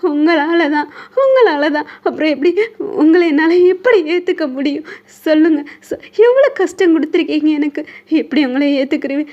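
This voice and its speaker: A woman's voice: sits high, animated, a little fast, dark tone, highs cut off, voice pushed up. A woman playing a hurt young mother who rejects the husband who kidnapped her, in a tearful, accusing way.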